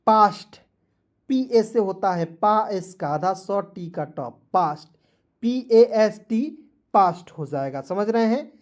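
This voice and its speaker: Man spelling English words out slowly. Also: high voice, expressive, a little mellow. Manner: spells words out letter by letter, repeats them slowly; constantly addresses viewers as friends, checking "clear?". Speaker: English teacher. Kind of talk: online spelling and pronunciation lesson.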